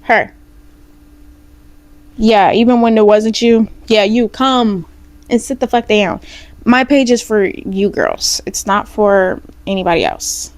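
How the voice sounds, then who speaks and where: A young woman speaks in a casual home vlog. Her talk is blunt, profane and full of sassy asides. Her voice sits at a middle pitch and is recorded dry and close. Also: slow pace, no room sound. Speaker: vlogger. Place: small home room.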